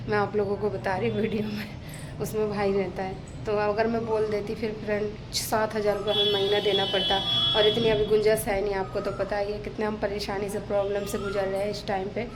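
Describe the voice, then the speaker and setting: Hushed woman vlogging on her phone. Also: level tone, fairly quick, heavy background noise. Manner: hushed, low-volume talk so as not to wake a sleeper. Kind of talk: casual vlog chat while walking around home. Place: at home and up on an unfinished rooftop.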